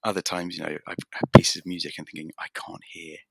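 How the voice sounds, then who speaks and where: Gravelly low-voiced man, chatty guest. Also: level tone, fast talker. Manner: rambling, self-deprecating, many restarts and laughs. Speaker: podcast guest, game developer. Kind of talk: casual conversation.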